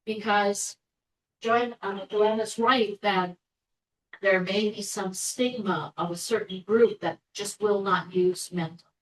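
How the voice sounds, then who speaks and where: A woman's voice: medium pitch, steady tone, takes it slowly. A woman school board member explaining her view in a meeting discussion, in a thoughtful way with fillers. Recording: echoey room, distant mic.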